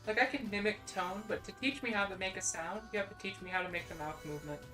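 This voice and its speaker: Over background music, a young woman streaming as a VTuber talks at a quick pace in a medium-pitched voice. Her accent is Midwestern General American, and she speaks casually into a desk mic. She rambles, restarts often, says "like" a lot, and puts herself down.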